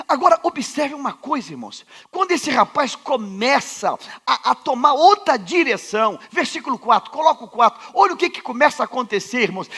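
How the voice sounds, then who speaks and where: Preaching in a spacious church sanctuary, this Rio de Janeiro pastor speaks Brazilian Portuguese in a very high-pitched male voice with a breathy edge. He moves between soft and loud delivery, asking rhetorical questions and returning to repeated refrains.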